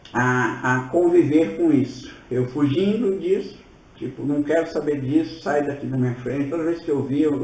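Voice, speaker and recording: A man's voice: on the high side, mellow. Man around sixty with a Brazilian accent. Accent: Brazilian Portuguese. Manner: chatty and storytelling, often ending with tag questions. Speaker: spiritual teacher presenting his course. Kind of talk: informal workshop talk. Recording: roomy, distant, dull-sounding.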